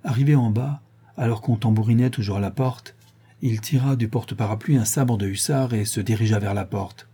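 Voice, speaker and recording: A man reading a historical crime story aloud in a measured, steady way. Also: fairly low pitch, slightly rough. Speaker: audiobook narrator. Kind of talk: scripted narration of a crime story.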